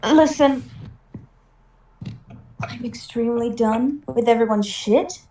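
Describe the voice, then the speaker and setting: Fed-up policewoman acted by a woman, tabletop game; officious customer-service delivery, slow, roomy sound. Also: a little high, warm tone, slight background noise. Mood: exasperated, officious. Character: fed-up female officer of the law, exasperated, officious. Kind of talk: tabletop role-play. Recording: roomy, distant microphone.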